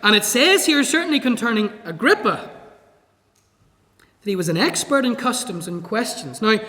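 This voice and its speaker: A man's voice: high-pitched, lively intonation, moderate pace, pushed and bright. A man preaching a sermon in a church, reading scripture verses aloud and explaining them. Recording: echoey church hall.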